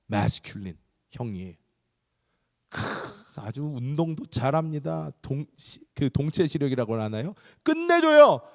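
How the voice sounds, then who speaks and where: A man's voice: mid-range voice, studio quality. A male pastor preaching a sermon, telling stories and acting out the voices of the people in them. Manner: animated storytelling, acting out quoted voices. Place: large church sanctuary. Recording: reverberant church hall.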